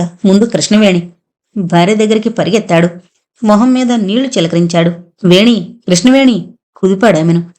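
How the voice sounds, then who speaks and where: A woman narrator reads a horror thriller audiobook. Her voice sits in a middle register, and she keeps the telling steady and suspenseful. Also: mid-range voice. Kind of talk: scripted horror novel narration.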